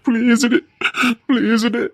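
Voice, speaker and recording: A man with a Tirunelveli accent playing a remorseful young husband, pleading in a hushed, tearful voice. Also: very high-pitched, little pitch movement, slow, full character voice. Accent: Tirunelveli Tamil. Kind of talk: web drama acting.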